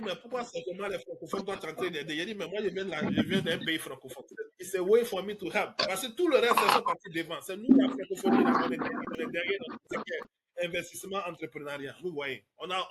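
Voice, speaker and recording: A trading course host from Côte d'Ivoire answers questions in a live online Q&A, speaking emphatically in a high, fast voice. He repeats words and drops English fillers, with heavy background noise.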